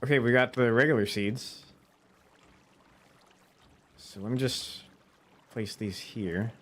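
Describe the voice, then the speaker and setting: A man's voice: medium pitch, slow, a little hiss or hum. A man giving casual let's-play commentary, chatty and talking to himself as he plays. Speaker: gaming video creator.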